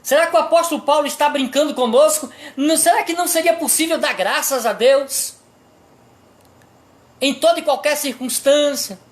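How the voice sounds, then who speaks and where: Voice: high voice, moderate pace. A pastor with a Brazilian accent preaching a sermon, asking the congregation rhetorical questions and pressing each point with emphasis.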